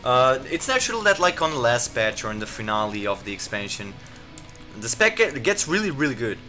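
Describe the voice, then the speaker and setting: Lively bright-voiced man rambling over gameplay. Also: medium pitch, soft background music. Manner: rambling, full of fillers and restarts; quick excited reactions to the action. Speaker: gameplay commentator. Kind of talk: live gameplay commentary.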